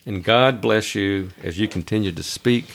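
A man's voice: lowish voice, normal speed, vocal fry, over loud music. A man co-hosting a podcast, answering with friendly, short affirmations. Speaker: podcast co-host. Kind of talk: casual podcast conversation.

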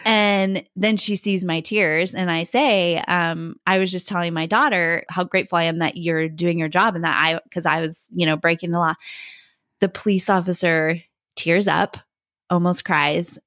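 A middle-aged woman co-hosting a faith podcast, telling a personal story in a casual, animated way, laughing often and acting out what people said. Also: fairly low pitch, no echo, clean studio sound. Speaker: podcast co-host.

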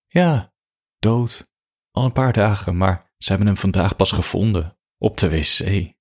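Blunt, bitter young woman on a date, read by a man in a low, slow, husky voice. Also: full character voice. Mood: flippant.

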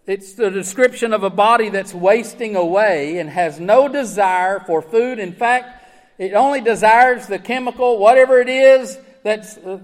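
A man with a notably high voice preaches an earnest sermon, pressing his points with rhetorical questions. His voice rings out with a long reverb, as in a large church hall. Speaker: pastor.

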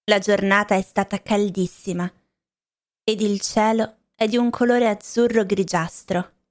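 A woman reading a simplified novel aloud for learners, in a measured, clearly enunciated narration. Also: mid-range voice, fairly even intonation. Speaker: audiobook reader. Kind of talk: slow narration for language learners.

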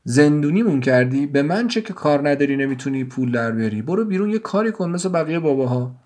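A man's voice: fairly high pitch, expressive, darkish tone. A man voicing an angry, tearful sixth-grade boy who lashes out with bitter accusations. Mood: pleading, resentful.

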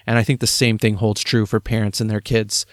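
A man's voice: lowish voice, flat delivery, fairly quick, dry recording, studio quality. A man, likely in his thirties, talking through parenting advice in a conversational, reflective way with frequent fillers. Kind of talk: casual advice talk.

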